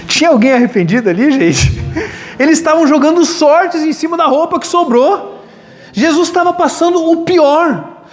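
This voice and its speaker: A male pastor preaching a lively sermon at a church retreat, with humor and acted-out quotes. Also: extremely high pitch, moderate pace. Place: large hall at a retreat. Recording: long hall reverb.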